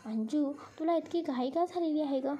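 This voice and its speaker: A woman's voice: high-pitched, normal speed, warm tone, lo-fi sound, close to an everyday voice. A woman voicing a sensitive, easily frightened young woman who scolds and teases in a storybook reading. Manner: reproachful, teasing with her friend.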